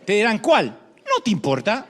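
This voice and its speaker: A middle-aged man preaching a sermon, dramatic, moving from shouts to hushed lines, with humorous asides. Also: high-pitched, huge pitch swings, moderate pace, in a large hall, slight background noise.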